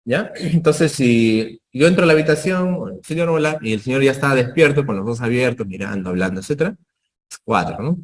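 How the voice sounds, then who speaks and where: A man's voice: medium pitch, lively intonation, a little fast. A man teaching a medical lesson, explaining step by step, ending phrases with tag questions and acting out short exchanges with patients. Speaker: medical lecturer.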